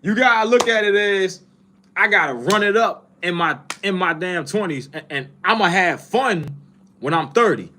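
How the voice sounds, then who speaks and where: Animated young man chatting casually. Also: high-pitched, normal speed, slight background noise. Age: 20s. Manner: animated, swearing, repeats himself, addresses viewers as bro. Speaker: fragrance livestream host. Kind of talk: casual livestream chat reading comments.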